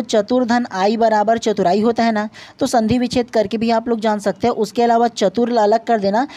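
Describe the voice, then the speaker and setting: A woman's voice: fairly high pitch, mellow, no room sound. A woman with a Chhattisgarh accent, teaching an exam-prep grammar lesson, patiently explaining and checking in with the class again and again. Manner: patient, repetitive explaining with tag questions. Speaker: Hindi language teacher.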